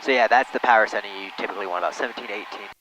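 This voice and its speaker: A man's voice: on the low side, fairly even intonation, racing, poor audio. A man working as a flight instructor, talking like a pilot in casual coaching and radio calls. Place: small aircraft cockpit. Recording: loud engine noise in small plane.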